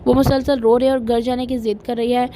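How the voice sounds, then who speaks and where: A woman reading the part of a kindly older grandfather who speaks calmly and affectionately but firmly. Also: on the high side, slight background noise, lightly acted. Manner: affectionate, calm, authoritative.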